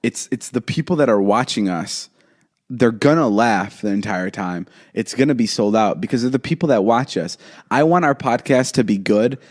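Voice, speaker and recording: A young man co-hosting a podcast, trading quick, joking banter and laughing often. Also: mid-range voice, lively intonation, a little mellow. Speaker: podcast co-host.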